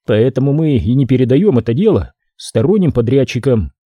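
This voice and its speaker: A male audiobook reader voicing a tired, restrained detective who speaks in a dry, measured way. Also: medium pitch, expressive, no echo, highs cut off, close to an everyday voice. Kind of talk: audiobook character voice.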